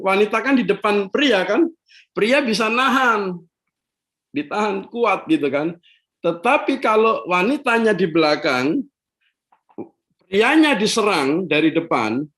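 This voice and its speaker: A man's voice: on the high side, fairly bright tone. A man preaching a casual, joking online sermon from his office. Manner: joking, playful, mixes in Javanese words. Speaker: pastor.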